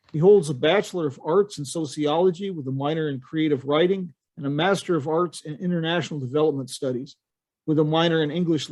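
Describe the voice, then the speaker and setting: A man's voice: on the high side, darkish tone. Man reading a formal introduction. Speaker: conference host introducing a speaker. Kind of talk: read introduction.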